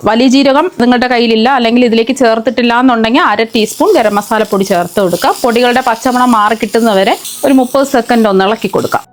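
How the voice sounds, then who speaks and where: A woman hosting a cooking channel, explaining a recipe step by step in a steady voice-over. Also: on the high side, a little hiss or hum.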